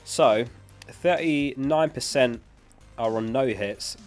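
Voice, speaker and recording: Speaking slowly at a medium pitch over soft background music, this livestream host reads out viewer questions and answers them plainly in a casual chat. Illness is wearing his voice down. The mic is a close dynamic studio model.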